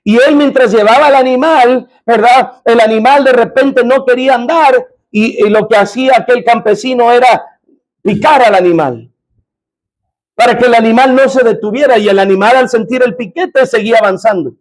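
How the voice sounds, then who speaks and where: A man's voice: very high voice, normal speed. A man preaching a sermon as pastor in a church, often asking the congregation questions.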